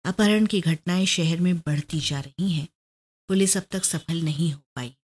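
A woman narrating a story aloud in a steady, measured way. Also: fairly low pitch, slightly rough.

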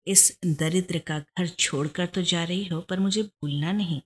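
Woman doing a soft-spoken frail old man. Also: lowish voice, a little slow, natural voice. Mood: tender, humble. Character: aged poor kindly old man, gentle.

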